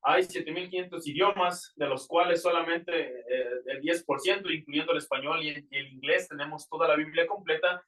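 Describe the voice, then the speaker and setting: A man speaking a little high for his sex, talking earnestly to a congregation. His voice sits well back from the microphone and rings around a roomy church hall. He explains patiently, circling back and restarting his phrases. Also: moderate pace, hardly any pauses, pushed and bright, distant mic. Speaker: visiting Bible translator. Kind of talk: church Q&A talk. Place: church sanctuary.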